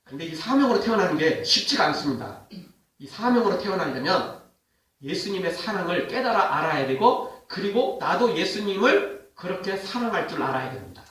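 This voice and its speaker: A pastor preaches a sermon in a church sanctuary at normal speed, his animated, high-pitched voice constantly climbing and dropping as he throws questions at the congregation. He is far from the mic, and the sound is heavily echoey.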